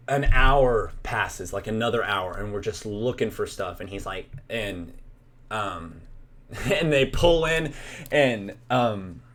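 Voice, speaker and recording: A young man casually telling a story, rambling with lots of "like" and restarts. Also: lowish voice. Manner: rambling, heavy use of "like" and restarts.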